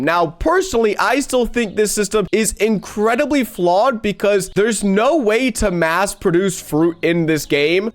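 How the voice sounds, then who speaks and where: A man hosting a gameplay video, talking to his viewers in a chatty, upbeat way with a stuffy nose from a cold. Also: high-pitched. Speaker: gaming channel host. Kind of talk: gameplay commentary.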